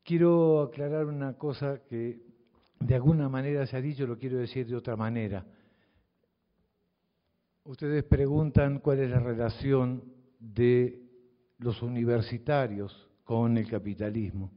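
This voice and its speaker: An older man from the Southern Cone, speaking Spanish with a Southern Cone accent, gives a reflective yet provocative public talk to an audience as a mathematics teacher. His mid-range voice is steady and unhurried. The audio is dull and comes from a reverberant hall.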